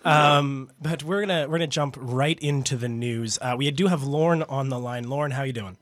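A man with a slightly gravelly voice from a cold, chatting casually as a co-host on live radio news. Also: medium pitch, normal speed, fairly bright tone, dry recording.

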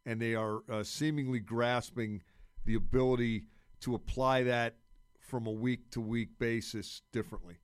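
A male sports commentator talks through a game in a casual, halting way, circling back over his words. His voice is mid-pitched and recorded very dry. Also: fairly even intonation, smooth, no room sound. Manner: halting, repeating words as he works out points. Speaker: sports radio commentator, podcast guest.

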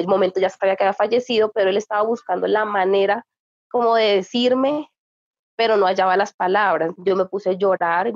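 A young woman recounts a painful loss in a halting, grieving voice. Her voice is fairly high with a gravelly creak. The recording is dry and somewhat dull. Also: darkish tone, no echo. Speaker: interviewee. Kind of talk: personal testimony.

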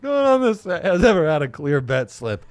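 A man's voice: fairly high pitch, normal speed, dry recording. A man co-hosting a sports betting podcast, bantering casually and laughing often. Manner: jokey, animated, laughs often.

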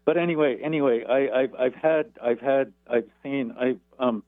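A man calling in to a radio show over the phone, talking in a halting, hesitant way with many fillers. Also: mid-range voice, dry recording. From Seattle area. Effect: phone call heard on a radio show. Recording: tinny phone line.

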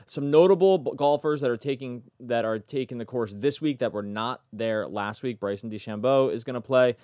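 On his casual sports betting podcast, a man with a medium-pitched, slightly mellow voice chats at a moderate pace, corrects himself mid-thought, and puts questions to his guest. The sound is dry and clean, as in a studio.

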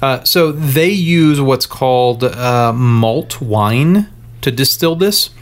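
A man's voice: medium pitch, animated, slow pace. A man co-hosting a casual podcast, explaining a spirit with an easygoing, joking manner. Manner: explanatory, joking, enthusiastic about drinks. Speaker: podcast co-host. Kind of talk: casual chat.

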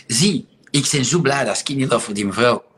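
A man's voice: medium pitch, moderate pace, a bit bright. A man with a Flemish accent hosting a casual livestream, talking bluntly and sarcastically and often asking rhetorical questions. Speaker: livestream host.

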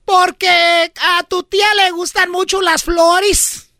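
A woman playing a sharp-tongued mother and wife in comedy sketches, delivering quick scolding punchlines. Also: extremely high pitch, little pitch movement, no echo, studio quality, exaggerated voice. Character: nagging Mexican mom and wife, sharp-tongued. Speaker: joke sketch actress.

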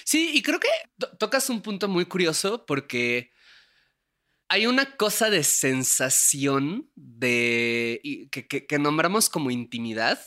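A man's voice: a little high, very animated, takes it slowly, bright, forceful tone. A young adult man with a Mexican Spanish accent, hosting a casual podcast chat, laughing often and ending thoughts with tag questions. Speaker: podcast host. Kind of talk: casual conversation.

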